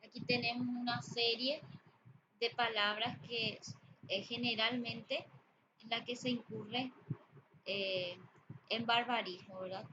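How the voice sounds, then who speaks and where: A woman teacher giving a spoken lesson on grammar and usage, explaining slowly with pauses and fillers. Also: fairly high pitch, fairly even intonation. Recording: dull lo-fi audio with background noise.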